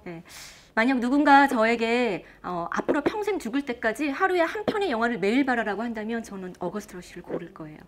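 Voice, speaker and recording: Lively woman lecturer quizzing her audience. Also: on the high side, brisk, hardly any pauses. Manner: lively, asks the audience questions. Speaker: speech lecturer and author. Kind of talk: motivational lecture. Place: stage before a live audience.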